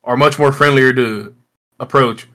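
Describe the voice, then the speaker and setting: A young man co-hosting a podcast, chatting casually with friends in loud, matey, sweary banter. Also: mid-range voice, fairly even intonation, a little slow. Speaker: podcast co-host. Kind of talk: casual chat among friends.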